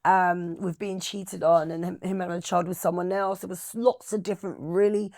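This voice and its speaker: A woman's voice: lowish voice, flat delivery, darkish tone, no echo, studio quality. Frank woman telling her story. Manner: frank, reflective storytelling with quick asides. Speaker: interview guest. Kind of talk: candid interview conversation.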